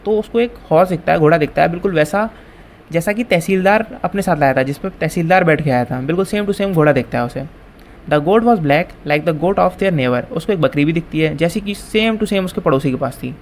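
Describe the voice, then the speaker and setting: Fairly high-voiced man teaching a class lesson. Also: animated, a little hiss or hum. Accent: Indian English. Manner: reads English lines slowly, then explains quickly in a mix of languages. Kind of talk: explaining a school textbook lesson.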